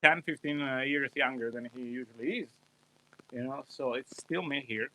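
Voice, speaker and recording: Speaking at normal speed with a medium pitch and a sharp tone, the Italian guitarist jokes about himself and chuckles as he rambles through a casual livestream. The recording quality is rough.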